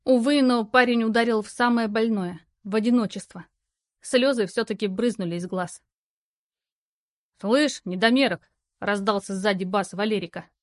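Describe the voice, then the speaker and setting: A woman reading an audiobook in a steady, plain storytelling manner. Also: mid-range voice, moderate pace, no room sound, clean studio sound. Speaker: narrator. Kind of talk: audiobook narration.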